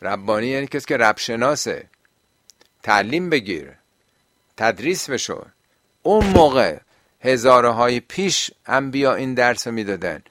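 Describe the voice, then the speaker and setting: A man's voice: medium pitch, very animated, long pauses, a bit bright, no echo. A man teaching and answering listeners' questions on religion, explaining at length and often asking rhetorical questions.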